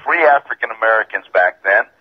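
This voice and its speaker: A man from Georgia calling in to a radio show, insistent and calmly argumentative, his voice tinny and metallic over a bad phone line. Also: fairly low pitch, a little fast, slight background noise. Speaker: caller. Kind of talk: call-in radio caller.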